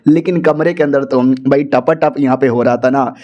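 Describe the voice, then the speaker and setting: A man's voice: mid-range voice, moderate pace, dull audio. Chatty man recapping a story. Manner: jokey, chatty, animated. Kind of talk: casual comedic story recap.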